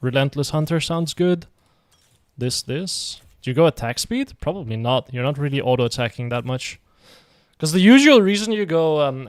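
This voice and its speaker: The voice is medium-pitched and free of room sound, belonging to a man from Denmark who is streaming a game. He chats casually, wandering between topics and answering viewer messages.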